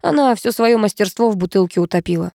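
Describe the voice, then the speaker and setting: Weary stout middle-aged woman voiced by a woman, sighing and level, mellow tone. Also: mid-range voice, animated, quick pace, vocal fry, no room sound, clean studio sound. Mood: matter-of-fact.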